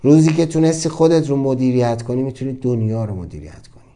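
A man's voice: medium pitch, warm tone. A young adult man giving a casual motivational talk, earnest and urgent, repeating phrases for emphasis. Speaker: motivational speaker.

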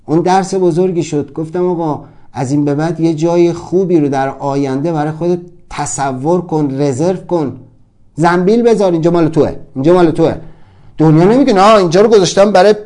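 A man's voice: a little high, warm tone. A man giving a motivational seminar talk, telling stories animatedly and acting out the voices of the people he quotes. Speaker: motivational speaker.

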